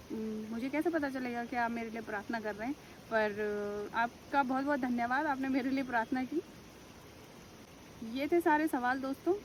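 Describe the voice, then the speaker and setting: A woman's voice: high voice, slight background noise, rough recording. A young woman answering viewer questions in a casual vlog, earnest and grateful as she reflects. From India. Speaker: village head and vlogger.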